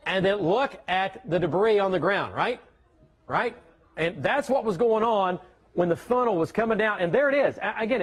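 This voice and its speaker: A man giving unscripted live TV storm commentary, repeating himself and tagging phrases with questions. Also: high-pitched. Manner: repetitive, checking with "right?" and "okay?". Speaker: TV weather reporter.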